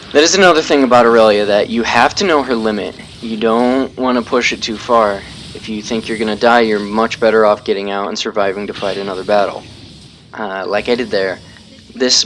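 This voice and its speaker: A man's voice: lowish voice, a bit bright, slight background noise. A man giving casual live commentary over his own gameplay, explaining tactics as he plays, thinking aloud and poking fun at his own mistakes. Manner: explains tactics while playing.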